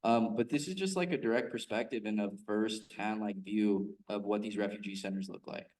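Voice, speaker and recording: A man with a somewhat low voice gives a casual presentation and leans on fillers as he goes. He sounds a bit far from the mic, in a room with a noticeable echo. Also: normal speed, a little mellow. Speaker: presenter of a report-back. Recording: roomy, distant mic.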